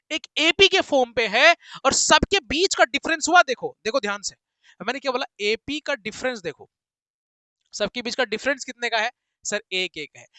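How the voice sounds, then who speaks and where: High-pitched jokey man teaching maths. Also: no echo, rough recording. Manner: jokey, teasing, sing-song, switches between loud and soft. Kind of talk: playful online maths lesson.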